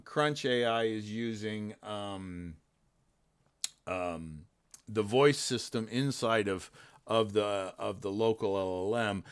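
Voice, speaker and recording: A man hosting a casual livestream, explaining his software in a rambling way with many fillers and restarts. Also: medium pitch, clean tone. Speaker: host and game developer. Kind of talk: casual livestream tech chat.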